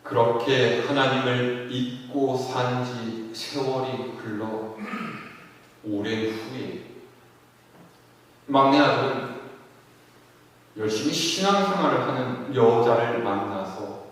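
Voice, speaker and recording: A man's voice: mid-range voice, takes it slowly, long pauses. A man pastor telling a story in an earnest sermon, rising in intensity at moments of grief. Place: church sanctuary. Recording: echoey church hall from far off.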